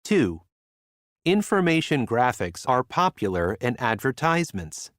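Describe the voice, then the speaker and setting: Man reading example sentences with lively pitch. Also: measured pace, no room sound, studio quality. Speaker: sentence reader.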